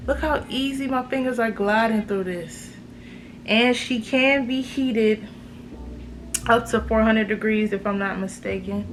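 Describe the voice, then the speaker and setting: A woman's voice: fairly high pitch, measured pace, soft background music, rough recording. An American woman with a slight lisp from braces, giving a casual, slangy, emphatic review to camera as a beauty vlogger.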